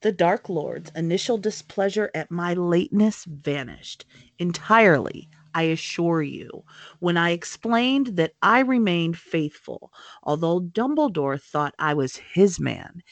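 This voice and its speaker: A cold, smooth male dark wizard, read by a woman with slow, deliberate, disdainful delivery. The voice is fairly low and sits dry and close. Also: animated, no echo. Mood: measured.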